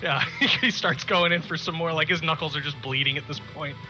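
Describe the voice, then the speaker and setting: A man playing a tabletop game, excitable, swearing and laughing as he rolls. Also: on the high side, a little fast, soft background music. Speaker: player. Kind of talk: casual tabletop play.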